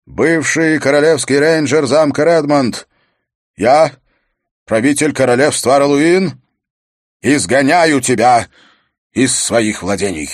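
Casting: stern dignified king, male, loud formal pronouncements, voiced by a male narrator. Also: mid-range voice, slow, long pauses, no echo, clean studio sound, pitched above the performer's own voice, natural voice. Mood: commanding.

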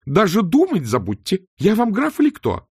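Guy putting on a high squeaky scaredy vampire count, whines nonstop, storybook voice. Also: huge pitch swings, moderate pace, a little mellow, breathy edge, no room sound, studio quality, exaggerated voice. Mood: whiny. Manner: whiny, complaining, easily scared. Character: nervous fussy male vampire count, middle-aged.

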